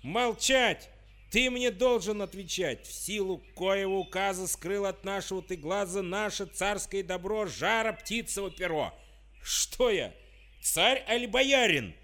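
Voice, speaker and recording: A man voicing an angry, bossy old tsar who shouts threats, in a storybook verse reading. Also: sits high, lively intonation, takes it slowly, exaggerated voice. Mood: angry shouting. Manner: shouting, commanding.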